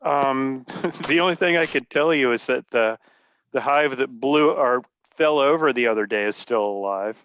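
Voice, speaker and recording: A man's voice: medium pitch, moderate pace, fairly bright tone, clean tone, muffled recording. A man giving a casual spoken update as a club member on an online call.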